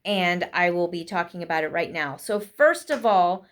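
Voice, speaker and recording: A woman giving a casual spoken lesson with tips for English learners, talking quickly with frequent fillers. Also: on the low side, expressive. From United States. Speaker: vlogger teaching English learners.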